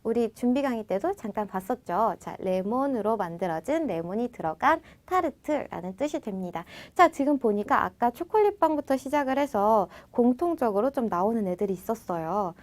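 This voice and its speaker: A woman teaching a French lesson, who slows down to model each phrase and then explains it in Korean. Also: a little high, lively intonation. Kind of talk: language lesson.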